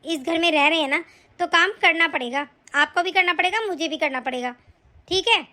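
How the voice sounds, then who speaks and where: High-pitched young bahu in a cartoon story, firm, lecturing her sister-in-law, a woman does it. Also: fairly quick, sharp tone. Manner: firm, lecturing, matter-of-fact. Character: pregnant, hard-working younger daughter-in-law. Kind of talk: cartoon voice acting.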